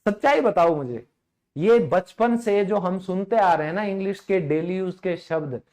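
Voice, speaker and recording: Guy teaching english online, kinda hoarse, high voice, keeps asking viewers questions. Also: a little mellow. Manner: chatty, quizzes viewers with rhetorical questions, slows down to pronounce words. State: slightly hoarse. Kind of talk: online grammar lesson.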